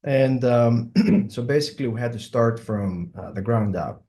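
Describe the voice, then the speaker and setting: A middle-aged Greek plastic surgeon presents at an online symposium in a mellow, mid-range voice with a Greek accent. He speaks hesitantly, often pausing with ums and uhs.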